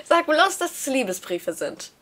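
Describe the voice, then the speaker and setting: A cheerful, teasing mother from a read-aloud story, voiced by a woman. She speaks a little higher and brighter than the narration and has a playful, warm-hearted lilt. The voice is an everyday one, lightly put on. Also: big pitch swings, moderate pace, full character voice. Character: caring teasing mother, middle-aged woman.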